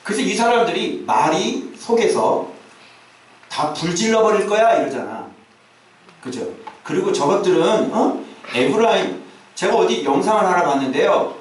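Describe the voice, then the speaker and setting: A male pastor preaching a sermon, talking to the congregation with constant rhetorical questions and casual asides. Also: on the high side. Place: church sanctuary. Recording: very echoey church hall, mic far off.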